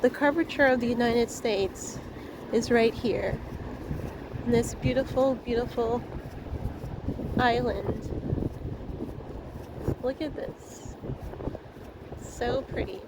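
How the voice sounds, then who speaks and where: A woman's voice: fairly high pitch, takes it slowly, long pauses. A woman vlogging outdoors on a beach, chatting casually and laughing often. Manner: excitable, laughs often, shrieks at cold water. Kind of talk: casual vlog chat. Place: outdoors on a windy winter beach. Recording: loud wind noise outdoors.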